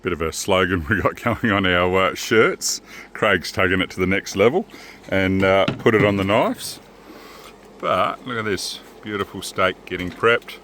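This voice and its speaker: A man hosting a casual camping vlog at an outdoor campsite, relaxed and jokey, laughing often. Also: low-pitched, normal speed, a little hiss or hum. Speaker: caravan vlog host.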